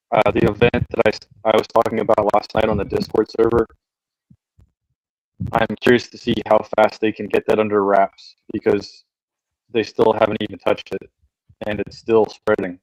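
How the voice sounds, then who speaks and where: A man's voice: fairly low pitch, flat delivery, normal speed, long pauses, no room sound. A man chatting casually from home on a video call over his phone, his voice choppy and cutting in and out, often restarting and repeating words. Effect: choppy mic cutting in and out over a phone call.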